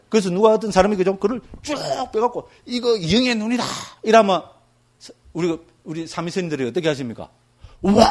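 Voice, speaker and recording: Lively monk lecturing, higher-pitched man. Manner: lively, tags nearly every phrase with a check-in question to the listeners; vivid, graphic examples told with sound words. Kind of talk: Buddhist doctrine lecture.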